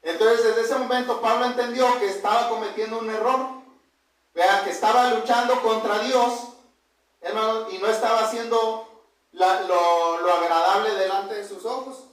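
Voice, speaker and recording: Guy preaching a bible lesson, really high voice, super echoey church hall, sounds far from the mic. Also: fairly even intonation, moderate pace, a bit bright. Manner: asks the congregation questions and has them fill in words; addresses listeners as brothers and by name.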